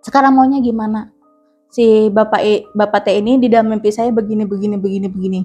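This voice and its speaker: A woman, telling a ghost story as a guest in an animated way. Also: medium pitch, fast, husky, soft background music. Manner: animated, vivid retelling with acted-out quotes. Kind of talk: casual spoken ghost story.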